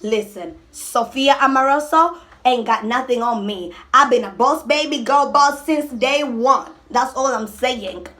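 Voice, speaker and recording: Speaking in a high-pitched voice that's a little slow, this young woman, a mukbang vlogger, talks casually to camera. She's animated and emphatic and frequently drops a thought halfway through.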